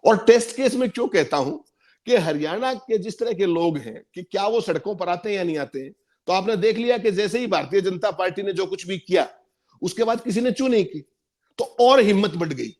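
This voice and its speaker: A man's voice: sits high, animated, fairly quick, darkish tone. A man giving emphatic political commentary on a panel, repeating points for stress.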